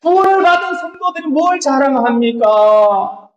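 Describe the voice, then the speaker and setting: Animated high-voiced pastor preaching. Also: male voice, unhurried, slight background noise. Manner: animated, asks the congregation questions. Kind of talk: sermon. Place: church sanctuary. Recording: echoey church hall, dull lo-fi sound.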